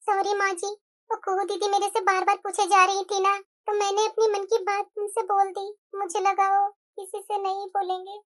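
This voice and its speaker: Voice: very high-pitched, fairly even intonation, fairly quick, voice pushed down. A voice actor doing a meek young daughter-in-law. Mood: apologetic. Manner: soft, apologetic, quiet. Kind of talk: cartoon voice acting.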